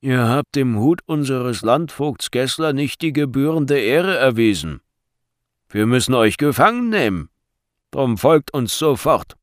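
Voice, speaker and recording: A man voicing a stern, scornful soldier guard in a storybook reading, giving loud orders. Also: deep voice, moderate pace, no room sound, studio quality.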